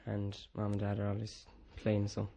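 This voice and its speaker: Man, west of Ireland accent, creaky voice, flat intonation, hesitant short answers. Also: fairly low pitch, normal speed. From Galway, west of Ireland. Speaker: young musician being interviewed. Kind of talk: casual interview answers.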